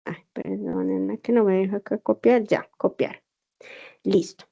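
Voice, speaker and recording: A mid-range, mellow voice with vocal fry, a measured pace and fairly even intonation belongs to a Colombian teacher with a Bogotá accent. She lays out an assignment step by step in an online lesson, patiently confirming her students understand. The audio comes through a dull, lo-fi video call.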